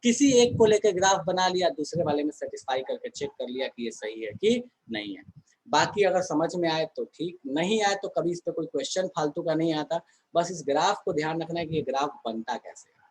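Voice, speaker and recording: A male teacher leads an online chemistry class in a relaxed, conversational way, throwing out questions to his students and answering them himself. His voice sits a little higher than most men's. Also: fairly quick, breathy edge, low-quality recording.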